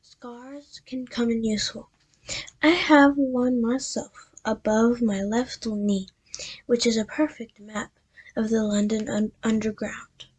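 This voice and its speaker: A wise old male wizard headmaster from a storybook, voiced by a woman reading aloud. He speaks softly and unhurriedly. The voice is a touch husky and stays fairly even. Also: a little high, slow pace, low-quality recording. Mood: calm.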